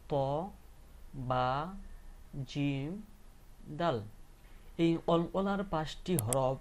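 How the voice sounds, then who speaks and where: A man's voice: medium pitch, a little mellow, a little hiss or hum. A man giving a spoken tutorial on reading the Quran, patiently repeating letters and asking rhetorical questions.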